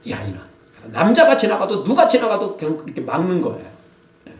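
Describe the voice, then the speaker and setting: A male pastor preaching a sermon, animated, acting out scolding quotes. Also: high voice, quick pace, echoey room, distant mic. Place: church.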